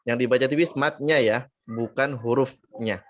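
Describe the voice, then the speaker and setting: A man's voice: medium pitch, steady tone, moderate pace, a bit bright, no echo. A man teaching Quran recitation in an online lesson, explaining patiently and drawing out and repeating sample syllables to show the sounds.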